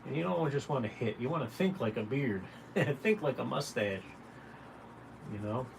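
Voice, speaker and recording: A caricature artist hosts a drawing livestream, his medium-pitched voice animated and at a normal speed. His tutorial is easygoing and folksy, aimed directly at viewers with plenty of encouragement. The room noise in the recording is clearly noticeable.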